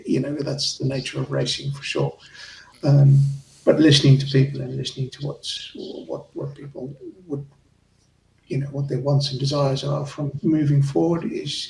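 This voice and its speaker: Brief: Zimbabwean-accented man, gravelly voice, friendly and halting, recorded a little off-mic in an echoey room. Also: mid-range voice, a little mellow, distant mic. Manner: hesitant, restarts phrases, friendly. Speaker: guest, racing club vice chair. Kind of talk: casual interview chat.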